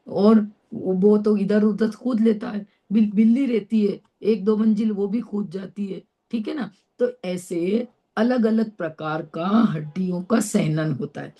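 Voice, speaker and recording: Slow, patient woman teaching scripture terms. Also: mid-range voice, lo-fi sound. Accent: Indore, Madhya Pradesh Hindi. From Madhya Pradesh, India. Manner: slow, spells out terms syllable by syllable, frequent "है ना?" checks. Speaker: religious teacher. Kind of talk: slow scripture class lecture.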